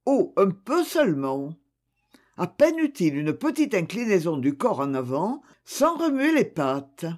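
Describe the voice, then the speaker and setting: A narrator reading a children's story aloud in a slow, expressive way. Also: mid-range voice.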